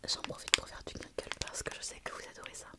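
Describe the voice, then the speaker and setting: Whispering gently despite a head cold, a female ASMR creator works through a show-and-tell segment. Her delivery is full of pauses and fillers.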